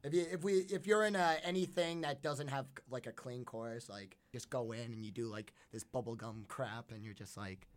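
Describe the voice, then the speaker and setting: A man in a band, talking casually and excitably in an interview, often jumping up in pitch and laughing. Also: moderate pace, few pauses. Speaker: band member.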